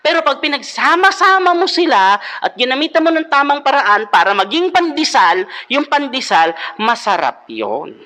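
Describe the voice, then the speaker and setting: Bright-voiced playful devotional host. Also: male voice, extremely high pitch, very animated, normal speed. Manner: playful, quizzing listeners, mixing in English. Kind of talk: comedic live devotional talk.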